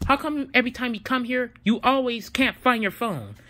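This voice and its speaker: A woman's voice: on the high side, moderate pace, background noise. A woman acting out a bickering couple's argument in a comedy skit. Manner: bickering, defensive, animated.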